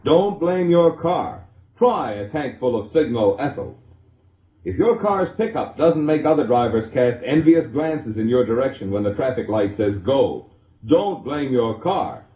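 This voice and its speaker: Through an old radio recording that sounds dull, echoey and lo-fi, an American announcer delivers a commercial in the manner of the 1940s. The scripted pitch is polished and emphatic, with his voice rising and falling in lively swings.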